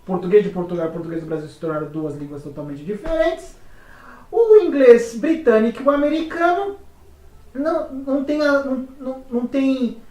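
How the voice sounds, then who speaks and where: A woman's voice: sits high, normal speed, mellow, recorded from a distance. A woman co-hosting a casual explainer chat, talking loosely with frequent fillers. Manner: chatty, uses fillers like "tá" and "né". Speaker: co-host. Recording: echoey room, away from mic.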